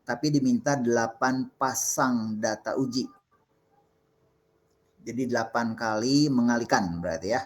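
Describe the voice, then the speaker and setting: A middle-aged male lecturer fields questions from his class about assembly programming, speaking in a mid-range voice, unhurried and with long pauses. Patient and methodical, he works through small examples step by step.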